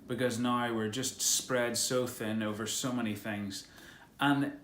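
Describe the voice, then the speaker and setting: A man's voice: mid-range voice, fairly even intonation, unhurried, a bit bright, echoey room, a little hiss or hum. A man co-hosting a casual vlog, talking in an encouraging, reflective way. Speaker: vlog co-host, actor.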